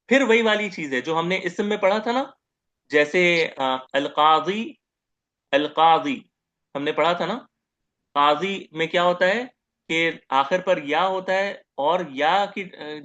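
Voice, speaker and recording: A man giving a grammar lecture as teacher, posing questions to the class, answering them himself and repeating each term slowly. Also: high-pitched, animated, pushed and bright, muffled recording. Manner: asks questions and answers them himself, repeats terms, says "okay" often.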